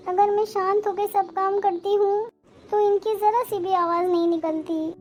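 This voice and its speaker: A woman's voice: extremely high pitch, a little mellow. A woman voicing a resigned young daughter-in-law. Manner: resigned, wounded. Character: long-suffering young pregnant daughter-in-law.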